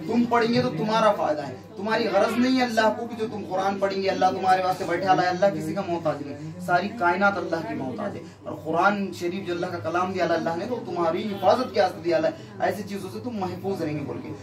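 A man's voice: sits high, quick pace, few pauses. A man, a faith healer, preaching and admonishing a gathered crowd in a commanding, repetitive way. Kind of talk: exorcism session and sermon to a crowd. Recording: roomy, distant mic with crowd behind.

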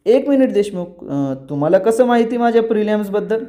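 A man's voice: high-pitched, expressive, brisk, warm tone, voice pushed up. A man voicing a playful, stubborn young woman student while retelling a TV serial scene, in a teasing, pleading way.

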